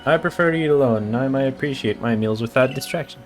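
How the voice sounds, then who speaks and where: A man's voice: medium pitch, fast, faint music behind, natural voice. A man voicing a stern, aloof female team captain who speaks curtly and coldly. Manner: cold and curt.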